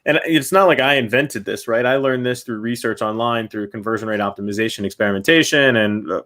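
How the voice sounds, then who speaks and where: CEO guest, loose and chatty. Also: male voice, medium pitch, brisk, fairly bright tone. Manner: loose, many fillers like um and you know. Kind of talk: casual interview answers.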